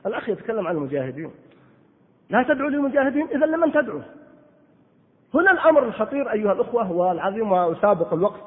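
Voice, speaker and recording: A man's voice: high voice, very animated, very fast, pauses often. A man giving an earnest religious lesson, exhorting and answering listeners' questions. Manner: earnest, exhorting, voice rises and falls widely. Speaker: Islamic scholar answering questions. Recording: tinny phone-like audio in a long-echo hall.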